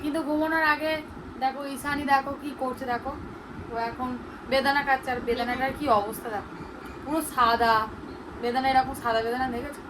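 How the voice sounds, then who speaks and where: A woman's voice: sits high, steady tone, a little fast, noisy background. A young woman and mother chatting casually to her viewers, laughing often as she shows her family. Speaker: vlogger and mother. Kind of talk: casual vlog narration to viewers. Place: home and a relative's house, indoors.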